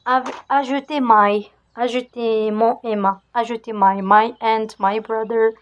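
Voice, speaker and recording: A woman's voice: on the high side, fairly even intonation, a little slow, highs cut off. A woman vocabulary in to a class, repeating each word several times and urging the learners to repeat after her. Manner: coaxes the class to repeat louder. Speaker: English teacher.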